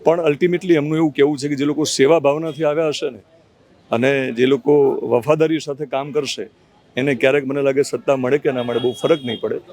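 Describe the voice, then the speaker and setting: A man interviewing a politician, asking slow, thoughtful questions with hesitations and addressing viewers directly. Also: mid-range voice, steady tone, darkish tone. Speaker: interviewer and news reporter. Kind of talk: conversational interview with asides to viewers.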